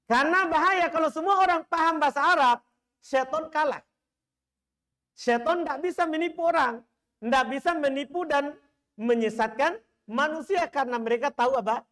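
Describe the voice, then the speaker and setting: Very high-pitched and full of teasing energy, this male Islamic teacher from Indonesia lectures to a study group in a mosque. He often throws out rhetorical questions to his listeners, then supplies the answers himself.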